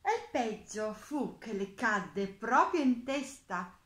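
A woman reading a children's picture book aloud, expressive and playful, with spoken sound effects. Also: on the high side, slow pace. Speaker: children's storyteller. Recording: echoey room.

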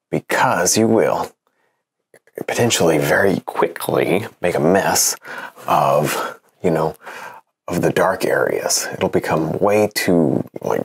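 A man's voice: low-pitched, husky. A young man giving a casual painting lesson in a home studio, chatty and self-encouraging, laughing often as he works. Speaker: painting instructor.

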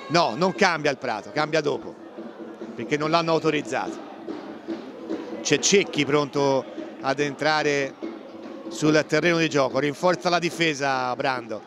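A man's voice: on the high side, measured pace, pauses often. An Italian man giving live play-by-play commentary on a football match. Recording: faint stadium crowd and outdoor noise. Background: football crowd and outdoor ambience.

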